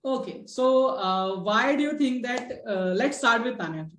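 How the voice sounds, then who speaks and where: A woman with a Hindi first language and an Indian English accent hosts a relaxed spoken English discussion in a slightly high, fairly bright voice. Her delivery is chatty and unhurried with lively intonation, full of fillers and restarts, and she often checks in with her guests. The room sounds clear and echoey.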